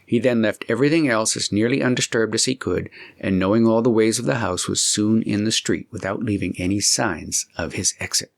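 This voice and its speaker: A man with a low, noticeably gravelly and creaky voice reads a storybook aloud with deliberate expression, in the style of a scripted audiobook. The recording is dry.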